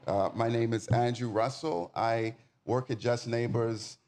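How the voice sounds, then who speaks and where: A Bahamian man in his forties, a nonprofit community manager, delivers a sermon as a guest preacher, addressing the congregation directly in a folksy, informal style. His medium-pitched voice stays steady and measured over a noisy background.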